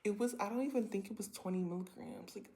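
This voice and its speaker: A woman in her twenties telling a personal story to camera in a rambling, animated way, full of slang and filler words. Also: mid-range voice, fast. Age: 20s. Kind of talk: casual storytime vlog.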